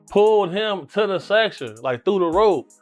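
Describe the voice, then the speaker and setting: Higher-voiced man telling a casual story. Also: takes it slowly, soft background music. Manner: animated storytelling, acts out quotes.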